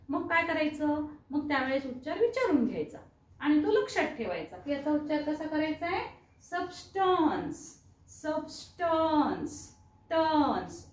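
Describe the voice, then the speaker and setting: Female teacher with a Marathi accent, patient and repetitive; high voice, recorded in an echoey room from a distance. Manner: patient, spells words out slowly and repeats them. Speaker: English teacher. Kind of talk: explaining lesson to students. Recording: echoey room, voice a bit far from the mic.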